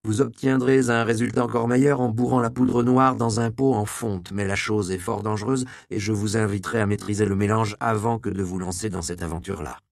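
A man voicing a grave, curt apothecary master who explains his work calmly. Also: on the low side, brisk, creaky, few pauses, no room sound, clean studio sound. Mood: cautionary.

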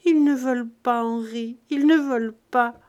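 Woman narrator doing a spoiled young lady, trembling and broken, slow and high. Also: warm tone, highs cut off. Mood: tearful.

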